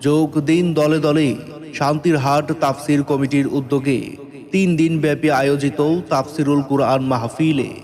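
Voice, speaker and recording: A man making a formal event announcement over a loudspeaker, in a drawn-out proclaiming cadence. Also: on the high side, steady tone. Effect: announcement over a loudspeaker with long reverb. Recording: long hall-like reverb.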